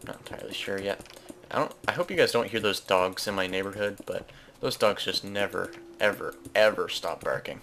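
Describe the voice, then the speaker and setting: Gravelly low-voiced man narrating gameplay. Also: fairly quick, a bit bright, slight background noise. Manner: rambling, self-correcting, chatty asides. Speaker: Let's Play host. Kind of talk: casual gameplay commentary.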